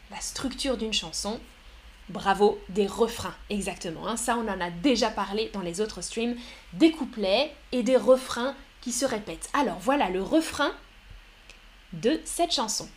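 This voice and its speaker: A woman's voice: fairly high pitch, expressive, a little slow. A woman teaching French on a live stream, explaining patiently and greeting viewers in the chat. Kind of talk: live-streamed language lesson.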